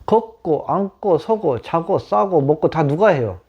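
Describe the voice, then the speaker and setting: Male teacher, questions his audience, animated delivery, warm breathy tone, muffled recording. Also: fairly high pitch, a little slow. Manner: questions the audience, repeats key words. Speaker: meditation teacher. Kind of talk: Buddhist dharma talk. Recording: dull lo-fi sound.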